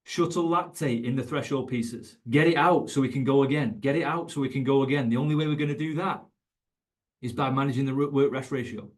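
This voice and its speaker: Male coach, mid-pitched, emphatic webinar delivery with repeated points. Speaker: fitness coach educator.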